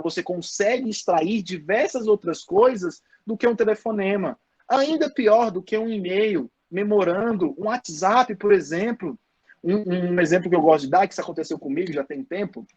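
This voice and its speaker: A man's voice: high-pitched, husky, muffled recording. A man giving a casual online lecture to his students, repeating points for emphasis, with many restarts. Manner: frequent restarts and filler "é". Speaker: professor.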